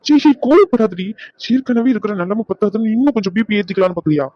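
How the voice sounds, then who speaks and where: A man voicing a gentle, apologetic young husband in a cartoon, soothing and remorseful. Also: high voice, rapid-fire, no echo, dull audio, close to an everyday voice. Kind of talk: cartoon voice acting.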